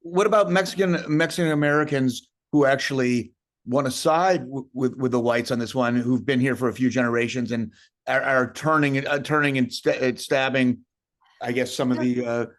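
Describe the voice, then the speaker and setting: A man's voice: mid-range voice, fairly even intonation, normal speed. A man hosting a podcast interview, talking casually in rambling sentences that he often restarts, laughing as he goes. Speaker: podcast host.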